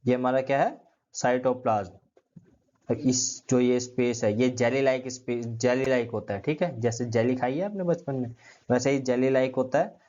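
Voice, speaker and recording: A man's voice: medium pitch, fairly even intonation, moderate pace, mellow. Man teaching, quizzing his own class. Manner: asks questions and answers them himself; repeats key terms, uses everyday comparisons. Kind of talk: classroom lecture. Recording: dull lo-fi sound.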